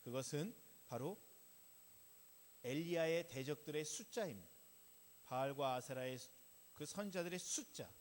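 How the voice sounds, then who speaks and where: A man preaches a sermon in Korean. He has a fairly high voice and tells the story with acted dialogue, often turning to address the congregation. His voice echoes with the long reverb of a large hall. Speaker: pastor.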